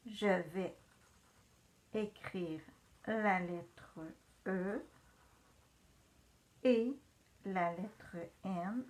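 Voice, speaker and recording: A woman teacher giving a patient, encouraging reading lesson to young children. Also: medium pitch.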